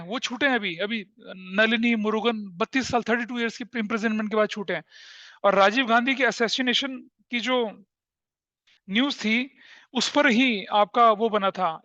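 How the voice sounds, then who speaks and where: A man's voice: high-pitched, no echo, dull audio. A man teaching a class, telling stories with energy and asking his students questions. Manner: animated storytelling, asks the class questions. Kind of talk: classroom lecture.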